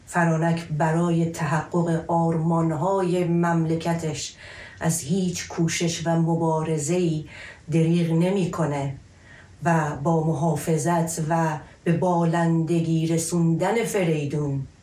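A middle-aged woman explaining an epic tale to camera as a storyteller, formal, deliberate and emphatic. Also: deep voice, flat delivery, dark tone. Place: small wood-panelled room at home, indoors. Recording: echoey room.

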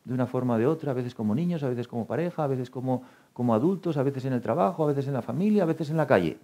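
A man giving a spiritual talk to an audience, telling lively stories, acting out quoted dialogue and laughing often. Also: medium pitch, fast. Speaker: speaker at a meditation talk.

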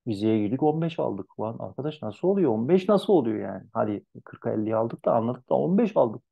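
A man teaching an Arabic translation class online, animated and lively, acting out students' complaints in a raised voice. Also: medium pitch, brisk, vocal fry, breathy edge, highs cut off. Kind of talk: online lecture.

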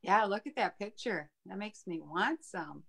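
A woman on a video call keeps the talk moving with quick "yeah"s, "right"s and short questions, and now and then tells a longer point of her own. Her pitch sits in the middle range for a woman. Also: animated, vocal fry, fairly bright tone. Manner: affirming, chiming in with short agreements. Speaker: co-presenter. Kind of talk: casual chat on a video call.

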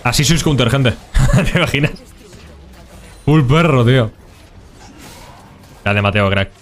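A man's voice: mid-range voice, lively intonation, takes it slowly. A young man with a Spain Spanish accent, commenting casually on his gameplay and chatting with viewers in slang. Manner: casual and slangy, talks to chat. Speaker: streamer.

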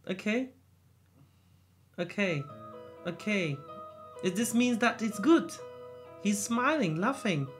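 Slow-spoken woman reacting to a show. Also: medium pitch, animated, faint music behind. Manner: thinks aloud in short bursts, repeats words. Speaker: reaction video host. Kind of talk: casual reaction commentary.

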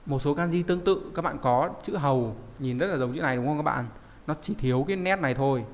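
A man's voice: a little high, quick pace. Male language teacher, chatty and questioning, lingering reverb behind him. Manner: chatty, asks the class rhetorical questions. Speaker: Japanese kanji teacher. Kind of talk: online lesson explaining kanji.

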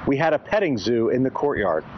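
A man in his forties, a high school principal, giving a measured, formal commencement speech outdoors at a podium microphone. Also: very animated. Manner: measured, formal address with deliberate pauses. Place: outdoors in front of a brick building. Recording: dull outdoor recording with traffic noise.

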